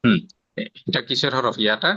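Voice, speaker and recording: Male Bangladeshi recitation teacher, very bright tone, patient step-by-step explainer who quizzes the student; dry, slightly muffled recording. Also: mid-range voice, normal speed, dry recording. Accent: Bangladeshi Bengali. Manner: explains step by step, checks for understanding with rhetorical questions. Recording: slightly dull, dry lo-fi sound.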